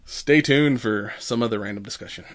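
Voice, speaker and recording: A man co-hosting a podcast in casual chat, halting and conversational, with some swearing. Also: on the low side. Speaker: podcast co-host.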